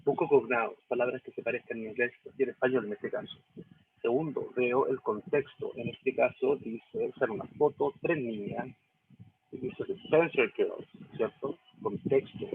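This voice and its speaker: In this recorded lesson, a Chilean-accented man teaching English explains a reading one step at a time, often asking "¿sí?" or "¿cierto?". He speaks at normal speed, medium pitch, fairly even intonation, with some breathiness. The sound is thin and phone-like.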